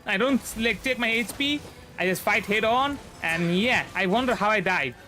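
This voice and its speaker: Over game music, a young VTuber livestreamer from India talks through his gameplay in a high, bright, forceful and expressive voice at a moderate pace. He's a native Bengali speaker with a Bengali accent, and his casual commentary wanders, hesitates, and circles back on itself.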